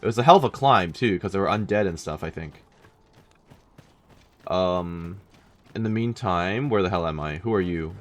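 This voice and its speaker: A man's voice: low voice, normal speed, long pauses. A man commentating casually as he plays a game, thinking aloud in a dry way. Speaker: gaming let's-player.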